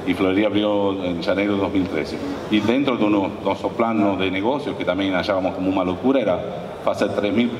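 A man from Argentina speaking Portuguese with an Argentine Spanish accent as a guest speaker on stage, telling his story in a halting way full of restarts. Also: low-pitched, fairly even intonation. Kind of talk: conversational stage interview. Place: large conference hall, on stage. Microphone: handheld mic, far camera. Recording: roomy hall from far off, with audience noise.

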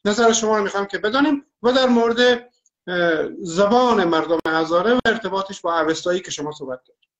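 A man hosting a live online interview asks his guest questions in a polite, measured way. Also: high-pitched. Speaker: host. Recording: roomy, dull livestream audio.

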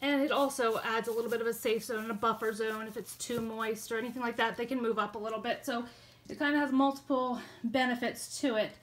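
Chatty woman with a bright, high voice. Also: fairly even intonation, quick pace. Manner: chatty, with frequent ums. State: slightly out of breath. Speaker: worm farming vlogger. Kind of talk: casual how-to vlog. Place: indoors by worm bins.

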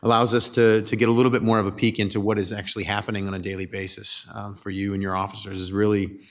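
A man in his forties chairing a city council meeting, speaking earnestly with many halting restarts into a desk mic in a council chamber. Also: on the low side, flat delivery.

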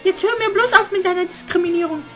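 A man playing a shrill, cackling old witch. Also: quick pace, fairly bright tone, faint music behind. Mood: commanding. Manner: commanding, theatrical and scheming. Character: cackling old evil witch, scheming and bossy. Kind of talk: puppet theater play.

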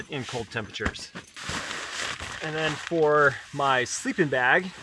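A man's voice: medium pitch, a bit bright, a little hiss or hum. A man vlogging at an outdoor campsite, casually walking through his camping gear with loose, rambling speech and fillers. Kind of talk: casual gear walkthrough vlog.

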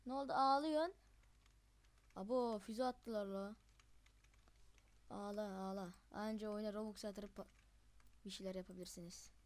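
A young gamer host giving live, chatty commentary over gameplay, excitable and quick to yelp in frustration. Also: mid-range voice.

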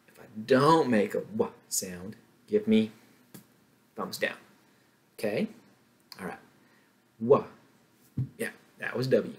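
Slow, patient male phonics teacher. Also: lowish voice. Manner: slow, patient, sing-song teaching with call-and-response drills. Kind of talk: kindergarten phonics lesson.

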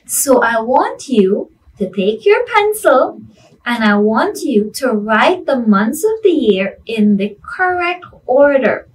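Very slow, sing-song woman teaching children. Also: on the high side, far from the mic, poor audio. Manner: sing-song rote recitation, deliberately enunciated; encouraging, asks and answers her own questions. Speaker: primary school mathematics teacher. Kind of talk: children's lesson addressed to young pupils. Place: indoor studio with virtual classroom backdrop.

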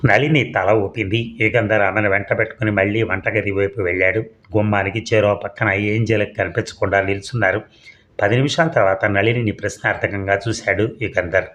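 A man narrating a suspense audio story in a steady, measured reading with occasional slips. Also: fairly low pitch.

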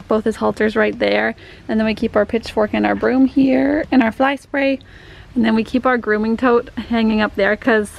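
Woman vlogger, casual and chatty, fairly high with vocal fry, handheld camera at a barn. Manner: chatty, explanatory, laughs often. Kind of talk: casual barn tour narration. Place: horse barn and paddock, indoors and outdoors.

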